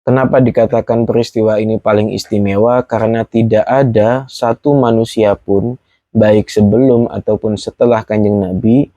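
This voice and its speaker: Indonesian male preacher, low monotone delivery, mellow tone, dry close sound, declamatory repeats. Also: normal speed, dry recording, highs cut off. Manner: rhythmic repetition, declamatory. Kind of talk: sermon.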